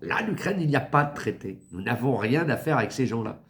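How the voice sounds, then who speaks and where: A man's voice: mid-range voice, lively intonation, brisk. A man from France giving a casual satirical monologue, mocking, rambling and crude, with lots of filler words. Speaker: satirical commentator.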